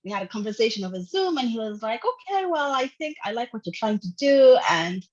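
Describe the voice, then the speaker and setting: A woman's voice: fairly high pitch, big pitch swings, fairly quick. A young woman from Uganda, a filmmaker, talking casually in an interview over a video call, chatty with lots of fillers. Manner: chatty, many fillers, laughs often. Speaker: filmmaker guest. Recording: dull lo-fi video call audio.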